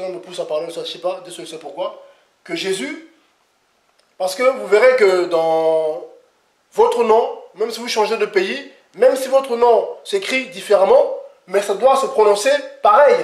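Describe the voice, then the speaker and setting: A man giving an informal, rambling sermon, repeating himself with animated asides. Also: high-pitched, reverberant. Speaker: preacher.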